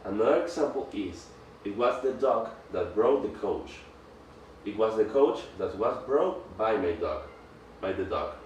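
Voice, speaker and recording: A man presenting a grammar lesson, speaking haltingly, restarting phrases and reading example sentences aloud. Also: fairly low pitch, lively intonation, far from the mic. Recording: echoey room, off-mic, faint background noise.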